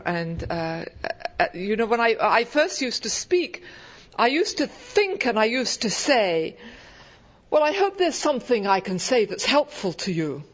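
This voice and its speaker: An English-accented woman giving a humorous personal talk to an audience at a convention, wry, hesitant and self-deprecating. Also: mid-range voice. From England. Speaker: guest convention speaker. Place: convention meeting room, speaking to an audience. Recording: dull, lo-fi live event recording.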